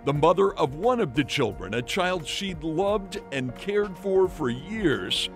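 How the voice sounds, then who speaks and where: Measured male news reporter. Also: a little high, lively intonation, faint music behind. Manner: measured broadcast delivery. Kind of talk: scripted news narration.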